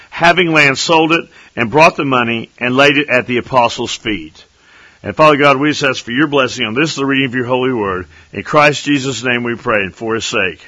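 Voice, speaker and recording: Bright-voiced man reading scripture. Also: medium pitch, no room sound, low-quality recording. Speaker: scripture reader. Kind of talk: reading scripture aloud and praying.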